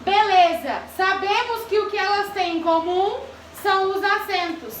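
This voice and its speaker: A woman's voice: very high-pitched, a little slow, a little hiss or hum. A woman teacher giving a grammar lesson to children, asking the class questions and calling on pupils by name. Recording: echoey classroom from far off.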